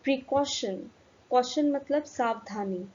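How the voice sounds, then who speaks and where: Woman teacher from india, slow careful talk, mellow voice, dull lo-fi recording with faint room hiss. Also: high-pitched. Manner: explains in Hindi-English mix, spells words out letter by letter; slows right down for English definitions. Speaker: English teacher. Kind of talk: recorded classroom lesson.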